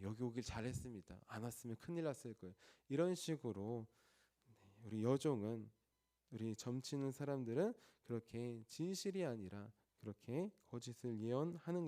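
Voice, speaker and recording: A man's voice: mid-range voice, dark tone. A male pastor preaching an early morning sermon in a church, asking the congregation questions and then answering them himself.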